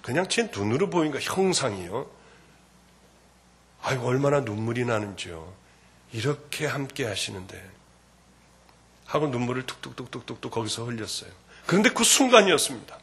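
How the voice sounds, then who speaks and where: A middle-aged man giving an emotional spoken testimony in church, fervent and swinging between hushed and loud. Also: medium pitch, very animated, moderate pace, pauses often, husky.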